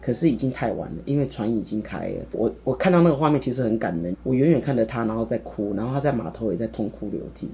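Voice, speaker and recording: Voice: medium pitch, lively intonation, fast, few pauses, warm tone. A podcast co-host, casually chatting and retelling a story theatrically, acting out the dialogue. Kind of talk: casual chat, dramatic storytelling.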